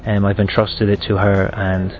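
A man in his thirties with a west of Ireland accent, a seminarian giving a personal faith testimony in a halting, reflective way. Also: lowish voice, completely flat delivery, lo-fi sound, faint music behind. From Galway, west of Ireland. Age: 30s.

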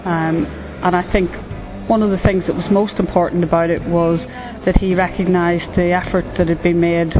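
A woman's voice: on the low side, little pitch movement, moderate pace, hardly any pauses. A middle-aged woman with a Northern Irish accent, sharing a reflective personal recollection. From Northern Ireland. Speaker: storyteller sharing a personal memory. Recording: dull lo-fi audio. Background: music.

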